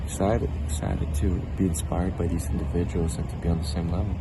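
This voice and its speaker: A man from Russia, slightly hoarse and tired, talking casually to camera as he walks outdoors through busy streets. He is upbeat and rambling, and he swears casually. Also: deep voice, steady tone, a little fast, heavy background noise. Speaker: vlogger. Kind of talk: casual walk-and-talk vlog.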